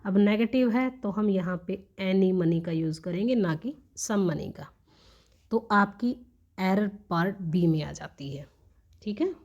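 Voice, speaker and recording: A woman leads an exam-prep grammar lesson at an unhurried, slow pace. Her voice is mellow and dark rather than bright. She reads each sample sentence out word by word and then explains it conversationally, checking in with her students. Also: mid-range voice, animated, lo-fi sound. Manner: checks in with the class with questions like understood. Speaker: English grammar teacher.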